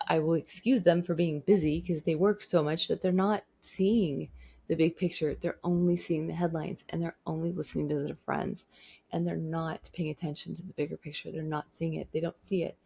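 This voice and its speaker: A woman vlogger talks to camera at normal speed in an emphatic, opinionated monologue, repeating points for stress. Her voice sits low and steady, creaky and dark, slightly rough.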